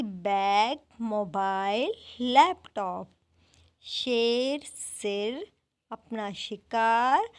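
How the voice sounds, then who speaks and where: A woman teaching a primary school class online, drilling words slowly one at a time. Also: on the high side, clear, resonant tone.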